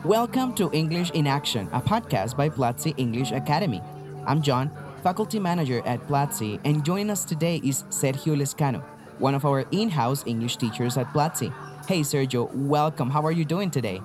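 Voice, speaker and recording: A man's voice: on the high side, animated, normal speed, over music. A man hosting an interview podcast, upbeat and encouraging, often saying "you know". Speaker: podcast host, faculty manager.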